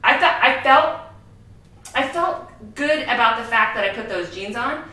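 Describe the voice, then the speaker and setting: A woman's voice: on the high side, expressive, measured pace, sharp tone. A woman in her forties hosting a casual talk show, speaking candidly and laughing often. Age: 40s. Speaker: host. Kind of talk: casual chat. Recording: roomy echo, mic at a distance.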